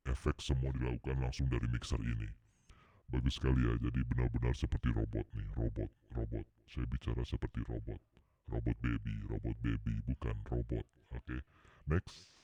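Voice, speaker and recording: A man testing a mixer's robot preset, his voice distorted, cracked and raspy, playfully repeating words. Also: a bass voice, mellow, dry recording, pitched below the performer's own voice. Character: distorted robot version of a man's voice. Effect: distorted robot voice filter.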